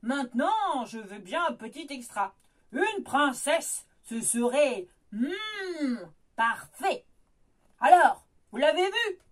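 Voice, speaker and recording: A woman voicing a big, greedy male ogre who booms and gloats in a storybook reading. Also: big pitch swings, takes it slowly, exaggerated voice. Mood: gloating. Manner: booming, gloating laughs.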